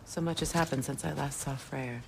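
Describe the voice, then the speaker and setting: A woman playing a wistful, proud female warrior in a video game, with a reflective, measured delivery. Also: low voice, steady tone, gravelly. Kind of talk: dramatic video game dialogue. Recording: game ambience noise behind dialogue.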